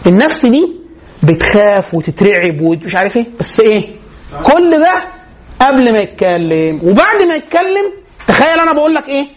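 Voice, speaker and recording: A man with an Egyptian accent giving a religious lecture on parenting, telling lively stories and laughing often. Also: extremely high pitch, brisk, lo-fi sound. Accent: Egyptian Arabic.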